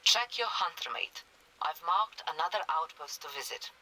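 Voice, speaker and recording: A game radio handler: calm, businesslike briefing, slightly high, bright tone. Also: male voice, moderate pace, exaggerated voice, rough recording. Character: male radio contact giving a hunter orders. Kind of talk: scripted game dialogue.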